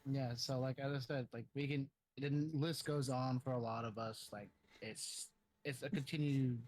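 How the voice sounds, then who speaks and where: A man's voice: mid-range voice, steady tone, moderate pace, darkish tone, a little hiss or hum, rough recording. A man, a DJ guest, talking in a rambling way with many fillers. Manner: rambling, filler-heavy, many "you know"s. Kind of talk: casual chat.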